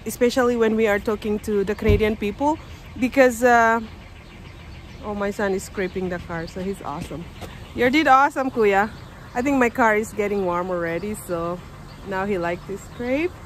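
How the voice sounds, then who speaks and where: Standing outdoors on a snowy suburban driveway, a vlogger in her thirties from the Philippines chats to her phone camera at arm's length in a Filipino accent. She explains things in a chatty way with loose grammar, using a mid-range voice at a moderate pace. A slight hiss or hum runs underneath.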